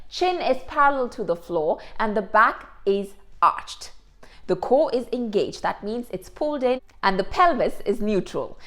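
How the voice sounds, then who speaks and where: A woman presents a self-improvement lesson. Her fairly high voice rises and falls in a lively way. She explains each step clearly and carefully. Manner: clear, careful explanations with occasional Hindi asides. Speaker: host. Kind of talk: instructional presentation.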